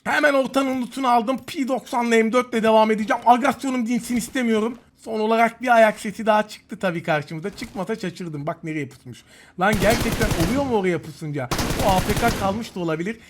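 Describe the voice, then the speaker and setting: A man giving live gameplay commentary, excitable and taunting his opponents while he talks to viewers. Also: sits high, fast, a little hiss or hum. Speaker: gaming YouTuber. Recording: game gunfire loud behind voice.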